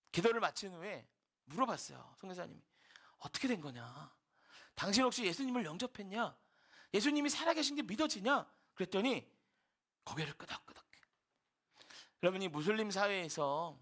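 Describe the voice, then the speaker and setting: Animated high-voiced male preacher. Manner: animated storytelling, quotes characters in hushed whispers. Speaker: pastor. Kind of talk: sermon with storytelling. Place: church sanctuary.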